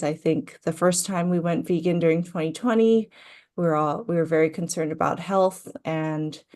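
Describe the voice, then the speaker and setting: A woman's voice: sits low, darkish tone. A young adult woman from Hawaii, a coaching client talking through her story in an interview, thoughtful and full of fillers. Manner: slow, thoughtful, with frequent fillers. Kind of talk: interview conversation.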